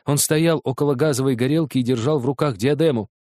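Man, audiobook narrator, first person, measured storytelling, mid pitch, dry close mic. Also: mellow, no echo. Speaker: audiobook reader.

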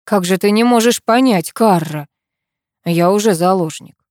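A woman's voice: mid-range voice, normal speed, darkish tone, no echo, clean studio sound, close to an everyday voice. A woman voicing a stern, intense male army colonel in an audiobook, speaking firmly and insistently. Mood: tender. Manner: firm, clipped, insistent. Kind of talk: audiobook character voice.

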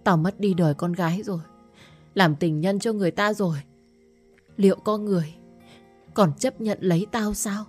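A woman voicing a young woman who is sad and downtrodden, speaking softly through tears. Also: medium pitch, normal speed, long pauses, faint music behind, lightly acted. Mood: tearful.

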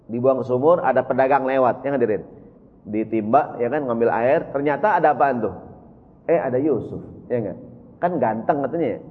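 Male preacher, animated storytelling sermon, tinny sound with long hall echo. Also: fairly high pitch. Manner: storytelling, addresses congregation repeatedly.

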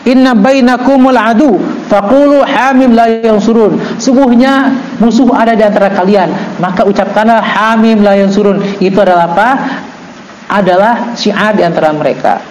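A man teaching an Islamic book study. He reads Arabic text slowly, then explains it with joking asides. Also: high voice, darkish tone, reverberant, slight background noise, poor audio. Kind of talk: religious book study lesson.

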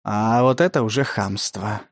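A man's voice: lowish voice, unhurried, dry recording, clean studio sound, pitched below the performer's own voice. Man doing a leering, menacing older stepfather. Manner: wheedling, breathy, then snarling.

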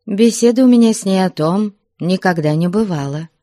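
A woman doing a calm, cold old abbess. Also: medium pitch, normal speed, no room sound, studio quality, close to an everyday voice.

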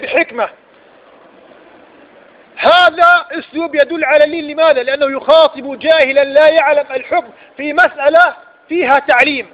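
A man with an Egyptian accent giving a religious lecture, often asking rhetorical questions and repeating his points for emphasis. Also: very high voice. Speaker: preacher. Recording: dull lo-fi recording.

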